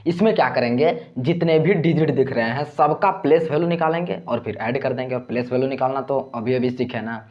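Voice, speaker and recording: Man, math teacher, patient step-by-step explaining, medium pitch, muffled lo-fi recording. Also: fairly quick, hardly any pauses.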